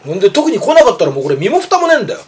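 This man in his fifties talks racing tips in a loose, joking, coarse-mouthed way. His voice sits high for a man and swings all over, and he rattles along quickly. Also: wildly swooping pitch. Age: 50s. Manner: rambling, joking, coarse banter. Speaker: horse racing pundit. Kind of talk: casual podcast chat.

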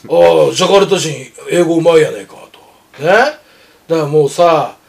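An older man chatting casually on a radio talk show about horse racing, gruff and teasing, lecturing his co-host with animated tangents. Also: on the high side, normal speed, a crowd in the background.

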